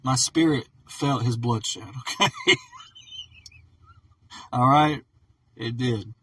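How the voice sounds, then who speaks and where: A man rambling through a personal story in a casual vlog monologue, repeating himself and swinging between low mutters and loud outbursts. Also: slow, slightly rough, recorded from a distance, poor audio. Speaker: vlogger.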